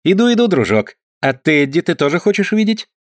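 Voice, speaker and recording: A man reading aloud, voicing a gentle, kindly circus clown. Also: fairly high pitch, big pitch swings, fairly quick, no room sound, clean studio sound, pitched above the performer's own voice. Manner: gentle, storytelling.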